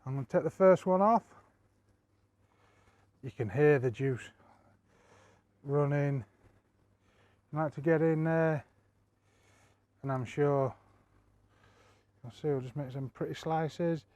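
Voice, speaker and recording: A man's voice: a little high, slow, pauses often, no echo. A man hosting a barbecue cooking vlog, talking casually and chatting straight to his viewers. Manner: relaxed, chatty, addresses viewers directly. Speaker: barbecue channel host.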